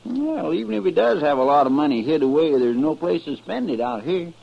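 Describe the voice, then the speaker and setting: An actor playing a folksy, plaintive young cowboy sidekick with a rural Western American drawl, in the style of an old-time radio western. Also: male voice, fairly high pitch, expressive, brisk, gravelly. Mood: folksy, chatty. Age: young adult. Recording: dull vintage AM radio recording.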